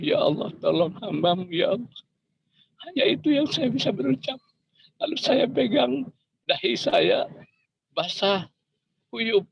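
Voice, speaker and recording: A man's voice: fairly high pitch, vocal fry, a bit bright, lo-fi sound, a little hiss or hum. A man earnestly recounting a personal experience over a video call, his voice rising and straining as he talks. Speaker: speaker sharing a personal testimony. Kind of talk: emotional first-person account.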